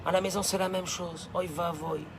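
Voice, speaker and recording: A male rabbi preaching a sermon, emphatic and repetitive, swinging between loud declarations and hushed asides. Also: sits high, little pitch movement, moderate pace, background noise.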